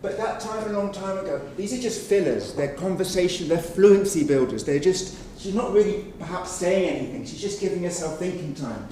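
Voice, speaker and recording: Presenting research in a conference room, a man speaks a little fast in a high, animated voice with a dark tone and few pauses, patiently explaining examples and hedging with "sort of" again and again. The sound is echoey, with the mic far off and faint noise.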